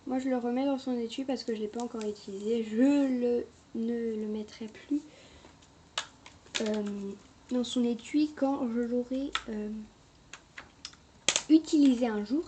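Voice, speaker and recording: A woman chatting casually through a makeup review, hesitant and quick to apologize, recorded on a camera mic at home. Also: on the high side, warm tone, slight background noise. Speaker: beauty vlogger.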